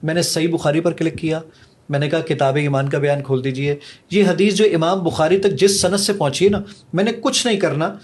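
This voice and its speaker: A man's voice: a little high, fairly even intonation. A man eagerly demonstrating his own app in a podcast conversation, counting seconds aloud. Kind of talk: podcast conversation, product demo.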